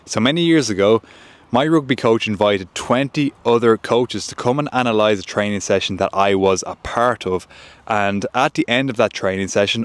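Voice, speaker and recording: A man's voice: mid-range voice, no room sound. Male joint pain creator, earnest advice, dry close recording. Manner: earnest, repetitive emphasis. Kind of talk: direct-to-camera advice with a story.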